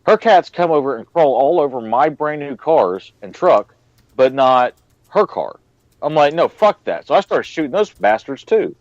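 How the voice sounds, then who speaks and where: Guy co-hosting, blunt and swears a lot, animated voice, dry muffled audio. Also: fairly high pitch, moderate pace, dry recording. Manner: blunt, profane, opinionated. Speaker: show co-host. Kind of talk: casual chat.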